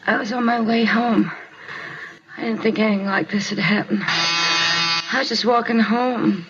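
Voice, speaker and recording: In a 1950s radio drama, an actress plays a dazed, weak, pained woman who has been mugged, pleading and giving confused short answers, halting and repeating herself. Her mid-range voice sounds close to everyday speech and plays over loud music. The recording is muffled and noisy, typical of 1950s radio.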